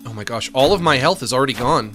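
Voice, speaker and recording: A man's voice: mid-range voice, lively intonation, quick pace, music in the background. A man hosting a let's play, joking and talking to himself as he goes, easily startled by the game. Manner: jokey, easily startled, talks to himself while playing. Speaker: gaming channel host.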